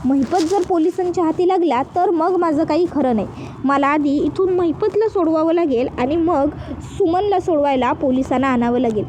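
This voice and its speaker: A woman's voice: high-pitched, moderate pace, a little mellow, slight background noise, natural voice. A woman voicing a scheming young woman who turns urgent and pleading, in a storybook recap.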